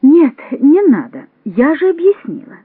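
A woman's voice: high voice, very animated, a little slow, no echo, voice pushed up. A woman reading an audiobook voices a patient young bank clerk who explains the rules firmly. The sound is dry and tinny, like a phone line. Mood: explaining.

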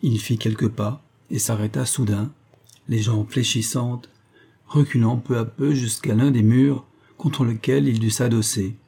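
A man narrating a literary adventure novel in a measured, dramatic storytelling manner. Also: mid-range voice, steady tone, vocal fry, dark tone, breathy edge. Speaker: audiobook narrator.

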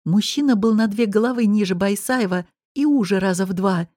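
In a clean studio recording without room sound, a woman narrates a first-person audiobook with measured, expressive storytelling. Her voice sits in the mid range.

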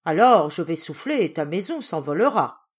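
Woman doing a greedy menacing wolf, loud, slow, lively pitch, storybook. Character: big bad male wolf, greedy and menacing.

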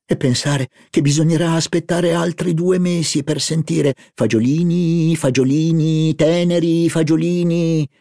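A man's voice: on the high side, fairly even intonation, normal speed, creaky, hardly any pauses, darkish tone, breathy edge, no room sound, studio quality, voice pushed up. A man voicing a playful young woman in an audiobook, eager and coaxing as she chatters. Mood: delighted. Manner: bubbly, coaxing. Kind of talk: audiobook character voice.

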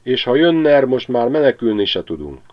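A man voicing a humble old male sparrow who begs in a high, chirpy voice. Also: big pitch swings, lo-fi sound, close to an everyday voice. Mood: pleading.

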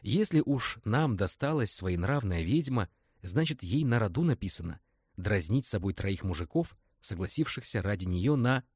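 A man's voice: lowish voice, expressive, moderate pace, darkish tone, breathy edge, no room sound, clean studio sound. A man reading aloud and voicing an older colonel, a teasing, folksy uncle figure. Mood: joking.

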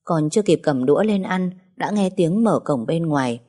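A woman narrating a first-person story in a calm, reflective way. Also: deep voice, moderate pace, slightly rough.

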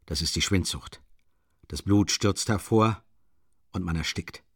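A man doing a quiet, sober official. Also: low voice, measured pace, husky, dry recording, studio quality, heavily acted. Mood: grave. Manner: quiet, matter-of-fact. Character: sober, matter-of-fact male official.

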